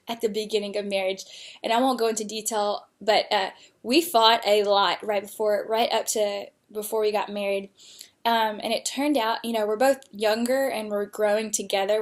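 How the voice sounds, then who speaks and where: A young woman telling her personal story candidly and emotionally, with frequent fillers. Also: medium pitch. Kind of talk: personal testimony.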